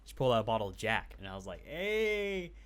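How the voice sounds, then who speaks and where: A young man with a somewhat low voice tells a rambling, casual anecdote to friends. His talk is loose and filled with "uh"s and swear words. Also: fairly even intonation, very fast. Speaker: podcast co-host telling a story. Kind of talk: casual storytelling chat.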